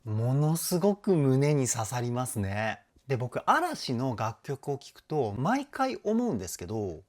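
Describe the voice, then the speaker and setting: Excitable male vocal coach, very animated. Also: mid-range voice. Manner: enthusiastic, exclaiming, explanatory. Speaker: vocal trainer. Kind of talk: song reaction and vocal analysis.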